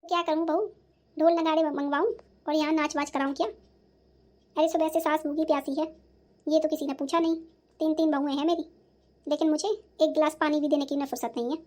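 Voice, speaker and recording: A sarcastic, self-pitying old mother-in-law in a cartoon who scolds her daughters-in-law, played by a woman. Her voice sits high. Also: fairly even intonation, fairly quick, pauses often, darkish tone, natural voice. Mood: scolding. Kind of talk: cartoon voice acting.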